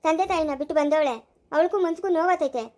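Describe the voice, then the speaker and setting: A woman's voice: extremely high pitch, fast, a little mellow. A woman voicing a middle-aged mother-in-law in a family cartoon, firmly defending her new daughter-in-law. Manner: firm, defensive.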